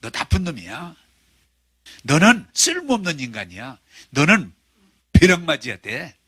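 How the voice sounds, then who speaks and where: A man putting on a contemptuous devil, low and taunting, sharp and husky, dry sound. The voice sneers down at the listener. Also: big pitch swings, measured pace, no room sound, heavily acted.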